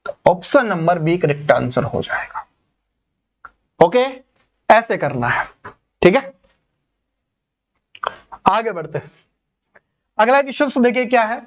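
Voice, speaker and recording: A man teaches an online exam-prep class. His voice sits high, and he works through each question step by step, putting rhetorical questions to his students. The recording sounds dull and lo-fi. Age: 30s.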